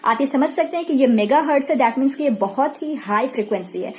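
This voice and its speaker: A physiotherapy lecturer with an Indian accent gives an explanatory lecture mixing Hindi and English. Her voice is high, a little fast and a little mellow. She teaches in a didactic, repetitive way, posing questions and answering them herself.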